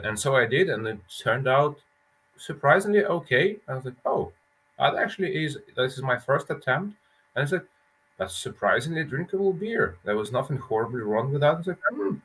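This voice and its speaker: A man's voice: medium pitch, a bit bright, husky, poor audio. A man from Lithuania, a brewery founder, chatting casually and telling his story with self-mocking jokes over a call mic. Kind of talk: casual chat.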